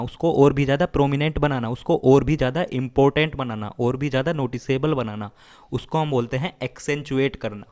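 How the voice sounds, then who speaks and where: A male vocabulary teacher guides learners through word roots in a bilingual lesson, mixing two languages. He explains slowly, repeats each meaning several times, and checks in with a quick "right?". His voice is medium-pitched and a little mellow.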